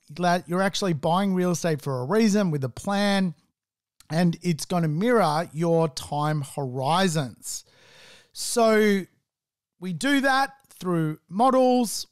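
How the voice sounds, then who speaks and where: Recorded in a clean studio with no echo, a man with a slightly high voice hosts a solo podcast on property investing. He keeps things chatty and informal, dropping in joking asides.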